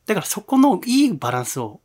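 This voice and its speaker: A middle-aged man hosting a casual talk radio show, chatting with curiosity and excited rising questions. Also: high-pitched, quick pace. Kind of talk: casual podcast chat.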